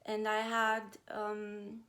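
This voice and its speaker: A woman in her thirties, originally from Romania, talking to her viewers in a casual personal vlog, pausing often with fillers. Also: medium pitch, completely flat delivery, pushed and bright. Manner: hesitant, many pauses and fillers. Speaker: vlogger. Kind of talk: casual personal talk to camera.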